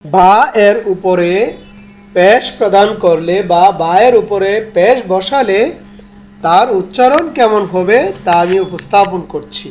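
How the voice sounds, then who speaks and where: A man's voice: sits high, darkish tone, a little hiss or hum, rough recording. A middle-aged man teaching Quran reading, spelling out letter sounds in repeated drills and drawing out the recited words. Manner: draws out the recited words very slowly. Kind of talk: slow drilled letter lesson with chanted recitation.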